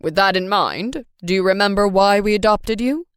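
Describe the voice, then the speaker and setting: A woman voicing a warm, steady adoptive father who speaks in measured, gentle counsel, in an audiobook. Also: medium pitch, smooth, no room sound, clean studio sound, close to an everyday voice. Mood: fatherly. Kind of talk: audiobook character voice.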